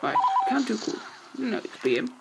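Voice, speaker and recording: A woman, chatting excitedly through a let's play and talking to the characters on screen. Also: fairly high pitch, a little fast, vocal fry, very noisy. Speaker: gamer. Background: loud game music and battle sounds.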